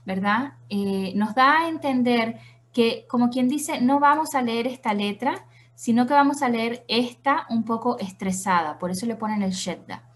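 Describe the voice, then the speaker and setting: A woman with a slightly high voice gives a patient, explanatory lesson. She walks through each rule step by step and keeps checking in with her listeners. She slows right down to repeat her examples. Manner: patient, checks in with "¿ok?" and "¿verdad?" often, repeats Arabic examples slowly. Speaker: Quran recitation teacher.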